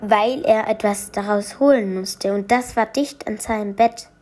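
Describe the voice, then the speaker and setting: A woman reading a children's bedtime story aloud, softly, sometimes dropping to a whisper for suspense. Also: mid-range voice, fairly even intonation, measured pace, slight background noise. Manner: soft, at times whispered for suspense.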